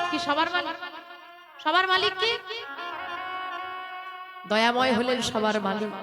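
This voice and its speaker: A woman voicing a humble seven-year-old servant girl who speaks softly and pleadingly, in acted devotional storytelling. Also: sits high. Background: tabla and devotional music.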